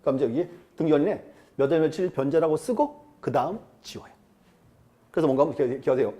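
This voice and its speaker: Here a male real estate law lecturer speaks at a fairly high pitch with a dark tone, moving fast and expressively. He chats with the class, asks them questions, and acts out quotations.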